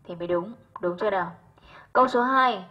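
A patient woman teacher whose first language is Vietnamese walks through an English exam question by question, stopping often to ask if her students follow. Her voice is slightly husky and sits at a middle pitch. The recording is dull and lo-fi. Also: a little fast. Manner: patient, checks understanding with frequent "right?". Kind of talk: exam answer walkthrough.

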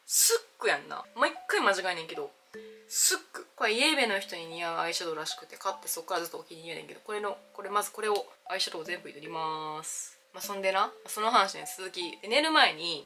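A woman's voice: mid-range voice, sharp tone. A young woman with a Kansai accent chatting casually about her makeup as she applies it, rambling into stories. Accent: Kansai Japanese. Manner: chatty, rambling storytelling while doing makeup. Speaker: beauty vlogger. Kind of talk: casual makeup chat to camera.

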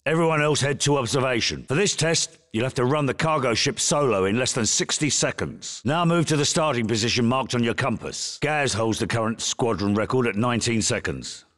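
A man playing a gruff, sardonic British special forces captain in a video game, giving curt military orders in a British accent. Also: medium pitch, expressive, brisk, hardly any pauses, a bit bright, lightly acted. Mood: firm briefing. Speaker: military commander.

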